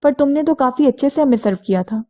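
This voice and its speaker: A friendly male hotel guest, voiced by a woman narrator who reassures warmly over the phone. His lines sit a little higher than her narration, with a mellow, soft tone. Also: animated. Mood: reassuring.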